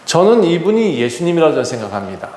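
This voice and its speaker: A male pastor preaching a sermon, retelling a scripture story with acted dialogue and lively emphasis. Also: fairly high pitch, fast talker. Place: church sanctuary. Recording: echoey hall reverb.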